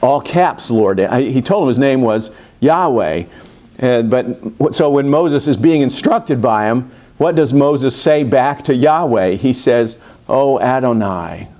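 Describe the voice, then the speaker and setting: A man, a pastor, leads an informal Bible study. He is conversational and halting, with frequent restarts. He keeps putting questions to his listeners. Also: mid-range voice, expressive, warm tone.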